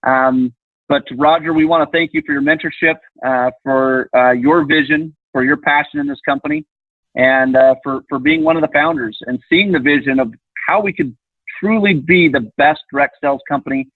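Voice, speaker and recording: Male call host, earnest and halting; husky, slightly high, phone-line sound. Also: no echo. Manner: earnest, stammering, repeats words. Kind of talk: hosting a group call. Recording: tinny dry phone line.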